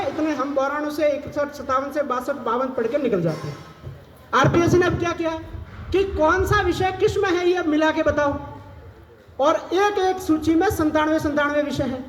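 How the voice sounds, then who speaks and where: A man who is a civil service officer, giving advice to exam aspirants and explaining things directly with rhetorical questions. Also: very high-pitched. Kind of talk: advice talk to an audience. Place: large hall with an audience. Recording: echoey hall with faint background noise.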